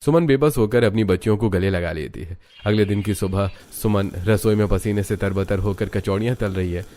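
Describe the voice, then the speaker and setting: A man narrating a cartoon family story in an even, low storytelling tone. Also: brisk. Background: faint music.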